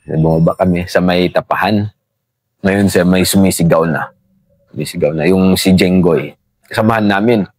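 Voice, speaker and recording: A middle-aged former rebel fighter, appearing as an interview guest, tells his story in a low, slightly mellow voice at a moderate pace, with no room sound. He's conversational and deferential, often calling the host sir.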